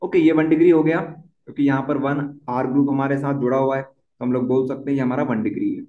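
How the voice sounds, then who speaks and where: This young chemistry teacher talks briskly in a medium pitch with fairly even intonation. Working at a whiteboard on a board-exam lesson, he keeps repeating key points and questioning the class, and the room sounds dull and echoey.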